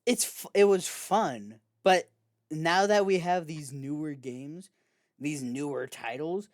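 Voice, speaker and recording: A man's voice: a little high, slow, dry recording. A man hosts a laid-back gaming chat. He talks in a loose, rambling way and often restarts his sentences. His voice sounds dry and close. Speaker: host.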